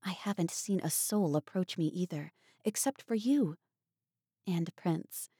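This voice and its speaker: A woman's voice: lowish voice, a little slow, warm tone, husky, no room sound, clean studio sound, voice pushed up. A woman playing an earnest, wistful young woman.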